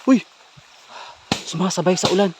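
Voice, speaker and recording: A Filipino man who hunts ghosts on his vlog, talking to viewers outdoors at night. He moves between hushed murmurs and excited exclamations, and he chants a Latin-sounding incantation. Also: sits high, normal speed, background noise. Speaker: ghost hunter vlogger. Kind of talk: night-time paranormal vlog commentary. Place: outdoors at night near a hut, in the rain.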